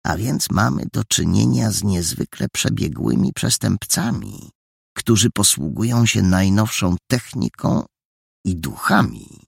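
A man's voice: lowish voice, very animated, measured pace, gravelly, husky, no room sound, clean studio sound, voice pushed up, exaggerated voice. A man reading the inner voice of an eager boy detective who gloats and schemes. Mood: gloating.

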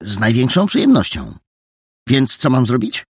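A man voicing a lively, chatty young girl who speaks eagerly and cheerily. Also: mid-range voice, moderate pace, breathy edge, no room sound, clean studio sound, voice pushed up, exaggerated voice.

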